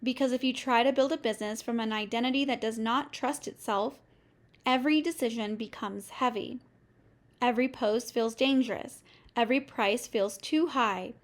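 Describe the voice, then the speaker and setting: A woman coach delivering a scripted motivational lesson in a measured, steady way, with short listed phrases. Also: on the high side. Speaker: business coach. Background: faint music.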